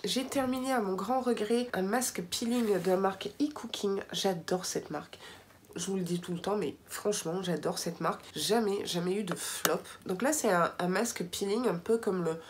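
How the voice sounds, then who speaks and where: A woman's voice: medium pitch, normal speed, a little hiss or hum. A woman chatting casually to her viewers as she reviews finished beauty products, with lots of fillers and asides. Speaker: beauty vlogger.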